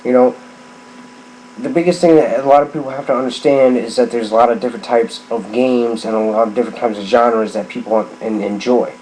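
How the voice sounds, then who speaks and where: A drunk middle-aged man rambles through a casual rant in a somewhat low voice. He halts, repeats himself and circles back on phrases. There is some ambient noise behind him. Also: steady tone, fairly quick, a little mellow. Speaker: gaming vlogger. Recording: clearly noisy background ambience.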